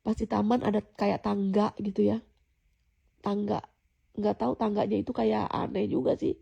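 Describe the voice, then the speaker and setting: A woman's voice: medium pitch, level tone, moderate pace, gravelly, warm tone, slightly rough, muffled recording. A woman casually telling viewers about a dream, in a rambling way, repeating herself, with many fillers and restarts. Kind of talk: casual spoken testimony addressed to viewers.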